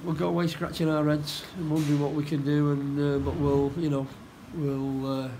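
A middle-aged man, a football manager, talks through a post-match interview indoors. His voice sits a little high, and he restarts and repeats words as he goes. A faint background hum runs under the recording. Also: little pitch movement, mellow, rough recording. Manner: halting, repeats words, plain-spoken. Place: indoor room by a stadium door.

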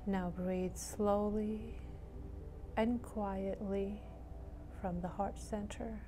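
A woman guides a meditation softly and soothingly, speaking in short phrases separated by long pauses. Her voice sits at a medium pitch and stays steady, with music playing underneath.

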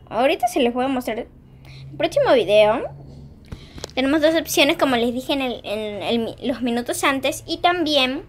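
A high-pitched woman talks to her viewers in a casual home vlog about her pet rabbit. She is giggly and excitable and keeps breaking into chatter. A faint hum of the room sits behind her voice. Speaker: pet vlogger.

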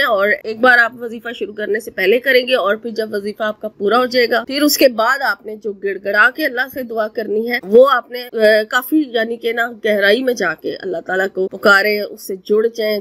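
A woman with a Pakistani Urdu accent and a slightly raised pitch delivers spoken religious instruction. She talks patiently, repeating steps and checking in with her listeners. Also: fairly bright tone.

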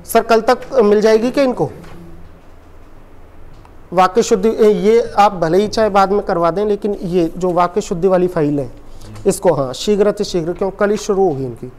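A man's voice: high voice, moderate pace, a little mellow. A man teaching a coaching class, quizzing students again and again and answering his own questions. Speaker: Hindi teacher. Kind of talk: classroom lecture with call-and-response drilling.

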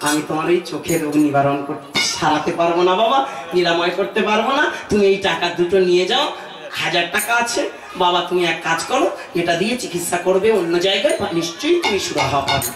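A man playing a kindly male doctor, soft and fatherly in manner. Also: high voice, animated, fast, pitched below the performer's own voice. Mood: gentle, apologetic. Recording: echoey, far mic, loud music.

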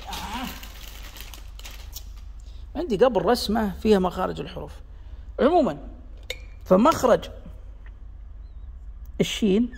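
Gravelly Gulf Arabic man teaching. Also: high-pitched, darkish tone, in a large hall. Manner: demonstrates sounds by repeating them slowly; sketches a diagram while explaining. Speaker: dialect linguistics teacher. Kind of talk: explanatory lesson.

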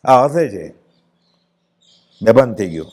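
A man with a Gujarati accent giving a devotional discourse, chanting verses slowly and then explaining them in plain speech. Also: lowish voice, animated, darkish tone. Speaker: spiritual discourse speaker.

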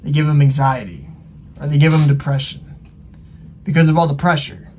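Male reaction host, higher pitch, loose chatty explainer. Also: moderate pace, a little hiss or hum. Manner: relaxed, filler-heavy explaining. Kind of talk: casual music reaction commentary.

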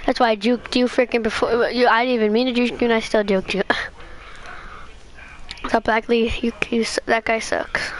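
High-voiced trash-talking woman gamer. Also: moderate pace, pauses often, slight background noise. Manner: trash-talking, excitable, swears; mumbles softly while eating. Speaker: gameplay streamer. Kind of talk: live gameplay commentary.

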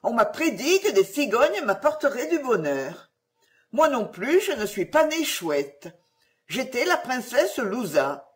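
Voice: sing-song, unhurried. A storyteller voicing an enchanted princess turned into an owl, who pleads eagerly in a raised voice. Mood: pleading, eager. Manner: eager, higher and louder than the narration. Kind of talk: storybook reading.

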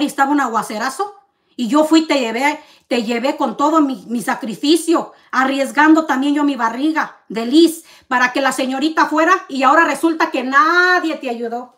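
A woman rants to camera in her vlog, accusing and bitter. Her voice sits high, and she stacks up hard rhetorical questions. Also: a bit bright. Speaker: vlogger. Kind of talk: heated confrontational rant to camera.

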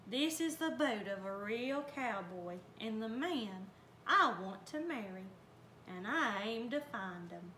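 A woman's voice: fairly high pitch, expressive, slow, sharp tone, full character voice. Woman doing a sassy young ranch gal. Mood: eager. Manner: sassy country drawl. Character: spirited young ranch woman, bold and choosy. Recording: roomy, faint background noise.

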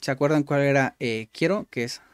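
A man's voice: mid-range voice, moderate pace, clean tone, no room sound. A man giving casual gameplay commentary, repeating each word aloud and explaining it like a patient tutor. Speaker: gaming YouTuber.

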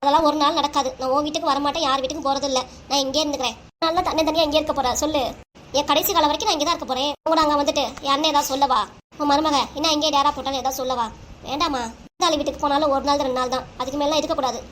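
A woman's voice: sits high, steady tone, racing, a bit bright, a little hiss or hum. A woman voicing an emotional, argumentative family quarrel in a cartoon. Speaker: voice actor for all the figures. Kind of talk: cartoon voice acting.

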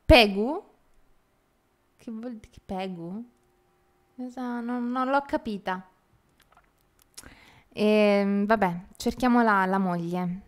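Giovane donna, streamer, chiacchierona, ride spesso, commento di gioco informale. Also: female voice, medium pitch, takes it slowly, pauses often. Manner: chatty and playful, laughs often, reads chat aloud. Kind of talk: casual live game commentary.

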